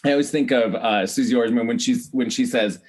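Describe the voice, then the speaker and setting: Speaking fairly quickly at a medium pitch, a middle-aged man from Iowa, United States, tells animated personal stories as a guest in a podcast interview. A celebrity hair stylist, he's chatty and emphatic, often acting out what others said and repeating himself for emphasis.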